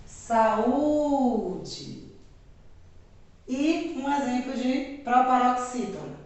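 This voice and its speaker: Brazilian lady teacher, slow and careful for kids, kinda far from the mic in a super echoey room. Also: high-pitched, animated, a little mellow. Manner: slow, careful, repeats example words. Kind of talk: video lesson for children.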